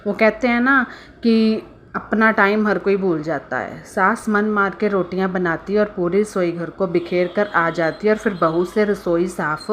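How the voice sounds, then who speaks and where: A woman storyteller at a mid pitch, telling a family tale in an easygoing, chatty way. She stops often to give her own opinionated moral views, with hesitant fillers. Faint noise sits under her voice. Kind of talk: casual spoken storytelling with moral commentary.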